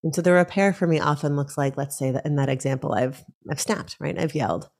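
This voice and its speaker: Woman, breathwork teacher, podcast guest, measured, reflective. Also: low-pitched, darkish tone. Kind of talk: podcast interview.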